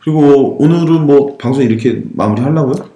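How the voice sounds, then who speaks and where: Guy hosting a chat show, teasing tone, average pitch, roomy echo. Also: a little fast, dark tone. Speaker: podcast host. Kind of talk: casual chat.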